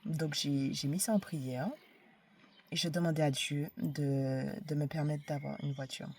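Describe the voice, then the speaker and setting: A woman, a mother and vlogger, giving an earnest personal faith testimony, pausing often with hesitations. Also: deep voice, fairly even intonation, mellow, husky, far from the mic.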